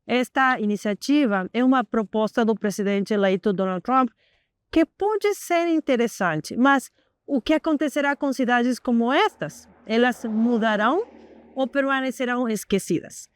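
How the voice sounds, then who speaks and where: A woman's voice: a little high, clean tone, no room sound. A woman opening a news show in a questioning, inviting manner. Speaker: news host. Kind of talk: scripted show intro.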